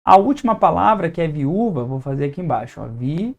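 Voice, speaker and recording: A man's voice: fairly high pitch, big pitch swings, a little fast, vocal fry, a little mellow, lo-fi sound. Brazilian man teaching at a whiteboard. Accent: Brazilian Portuguese. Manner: explains step by step, checks in with "tá?" and "beleza?". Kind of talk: exam-prep lesson.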